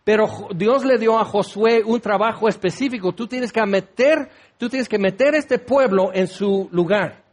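A man's voice: sits high, normal speed. A man preaching a sermon, acting out quoted voices and firing rhetorical questions.

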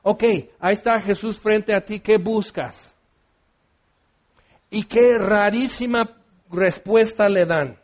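A man preaching a sermon in a fairly high voice. He keeps putting questions to his listeners and tells stories with lively energy. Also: slow pace, long pauses.

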